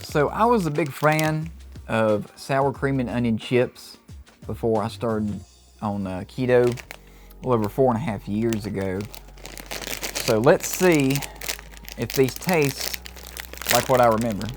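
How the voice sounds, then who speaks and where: A man giving an enthusiastic, casual review of low-carb snacks, reacting as he tastes them. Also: unhurried, pauses often, faint music behind. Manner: upbeat, enthusiastic tasting reactions. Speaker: food reviewer. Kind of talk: casual product review vlog.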